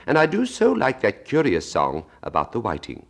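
Polite, timid young girl, read by a man, curious and lively. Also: medium pitch, normal speed, vocal fry, pitched above the performer's own voice, full character voice.

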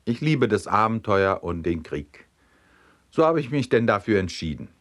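A man's voice: lowish voice, very animated, moderate pace, fairly bright tone. A man voicing a breezy young bachelor who volunteered for war. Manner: breezy, boastful.

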